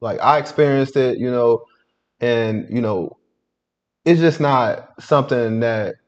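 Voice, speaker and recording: A man chatting casually as a podcast co-host, rambling and circling back with plenty of "like". His pitch is mid-range, and the recording is dull and muffled. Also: measured pace. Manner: rambling, full of "like" and restarts. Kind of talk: casual chat commentary.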